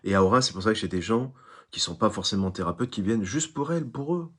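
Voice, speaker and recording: A man's voice: lowish voice, expressive, fast talker, a bit bright. A man giving an online spiritual lecture, emphatic, who repeats phrases and tells little stories. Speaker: spiritual teacher.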